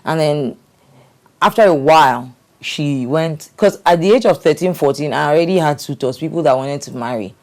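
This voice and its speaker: A woman's voice: sits low, moderate pace. Middle-aged woman, candid personal story, conversational, hesitant, many restarts. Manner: hesitant, with frequent fillers and restarts. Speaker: guest sharing her life story.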